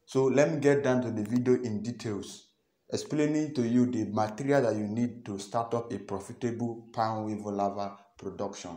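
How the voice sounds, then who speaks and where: A man's voice: medium pitch, steady tone, moderate pace, mellow. A young Nigerian man with a Nigerian accent, explaining step by step to camera and often repeating himself. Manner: repeats phrases, earnest and explanatory. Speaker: farming channel host. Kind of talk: instructional vlog talk to camera. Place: small indoor room. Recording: echoey small room.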